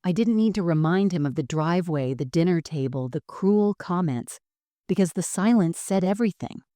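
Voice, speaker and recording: A woman narrating a first-person story in a calm, measured, composed way. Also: on the low side, dry recording, clean studio sound.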